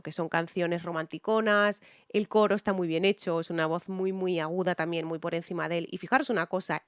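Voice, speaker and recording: A Spanish singer with a Spanish accent gives casual, chatty reactions to songs, full of fillers and bits of sung melody. Her voice is on the low side, and the studio-quality recording has no room sound.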